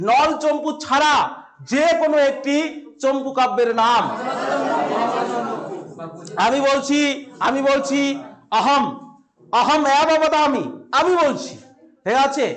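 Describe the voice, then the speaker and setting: Very high-voiced Bengali male teacher. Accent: West Bengal Bengali. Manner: quizzing, repeats each answer, playful asides. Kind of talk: classroom exam-prep lesson. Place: classroom filmed by a cameraman.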